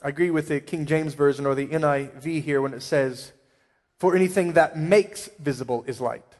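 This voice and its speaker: A male pastor preaching a sermon with emphatic swells and quiet asides. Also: a little high, normal speed. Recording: long hall reverb.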